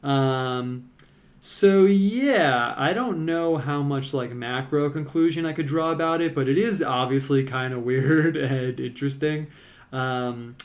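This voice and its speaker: A man's voice: medium pitch, takes it slowly. A man chatting casually on a live stream as he paints, rambling loosely with lots of fillers. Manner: rambling, relaxed, many "like"s and fillers.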